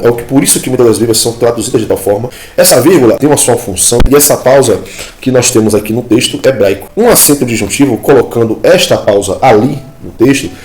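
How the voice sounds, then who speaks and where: A man's voice: mid-range voice, a little mellow. A man giving a lesson on Biblical Hebrew grammar. He explains step by step, checks in with listeners often and points at text on screen. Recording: echoey room, faint music behind.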